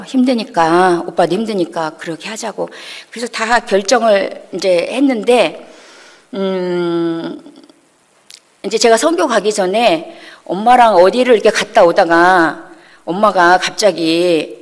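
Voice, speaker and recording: A middle-aged woman telling a personal testimony in church, acting out quoted dialogue with feeling. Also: fairly low pitch. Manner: emotional storytelling, acts out quoted dialogue. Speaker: church member giving testimony. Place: church sanctuary. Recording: long hall reverb.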